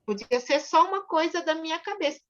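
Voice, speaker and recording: A woman's voice: very high voice, lively intonation, a little fast. A woman with a Brazilian accent in a Bible study, chatting and telling a personal story, often asking "right?". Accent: Brazilian Portuguese. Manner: chatty, tag questions, repeats words. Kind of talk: casual discussion and personal storytelling. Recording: muffled lo-fi recording.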